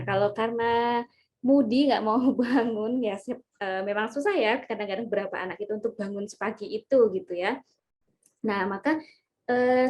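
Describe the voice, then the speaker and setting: Woman guest expert, Indonesian accent, relaxed explanatory podcast talk, filler-heavy. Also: medium pitch, a little hiss or hum. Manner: many fillers like "gitu ya", explanatory. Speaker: guest expert on child nutrition. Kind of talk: casual podcast advice.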